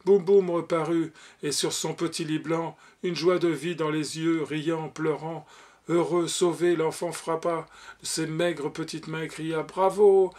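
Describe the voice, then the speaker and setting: A man reading a short story aloud as an audiobook, expressive, giving the characters' lines their own voices. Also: on the high side, measured pace. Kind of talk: audiobook narration.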